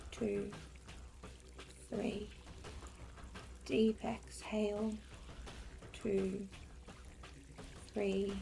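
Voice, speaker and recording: A woman leading a spiritual guided meditation in a soft, soothing, airy mystical-healer manner, with long pauses between short phrases. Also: medium pitch, gravelly.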